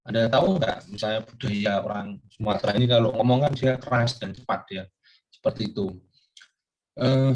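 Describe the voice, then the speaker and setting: Older man, lecturer recording a class, mid-pitched, rambling with fillers. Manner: rambling, many fillers and questions to students.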